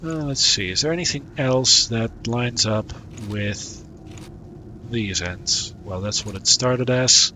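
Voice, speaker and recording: Working slowly through a puzzle game on stream, a man thinks out loud in a loose, muttering style typical of casual let's-play videos. His mid-range voice comes across pushed and bright, and there's slight background noise.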